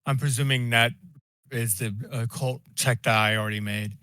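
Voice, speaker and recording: A man's voice: mid-range voice, steady tone, moderate pace, pushed and bright, clear, resonant tone, dry recording, clean studio sound. A man playing a tabletop game who explains his character's actions in a loose, chatty way. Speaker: player. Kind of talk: casual tabletop game chat.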